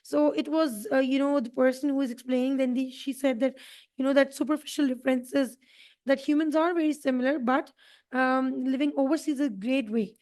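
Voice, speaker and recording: A woman's voice: sits high, fairly even intonation, brisk, a little mellow. A young woman teaching an English writing class, explaining texts to students with many fillers like "you know". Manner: thinking aloud with many fillers.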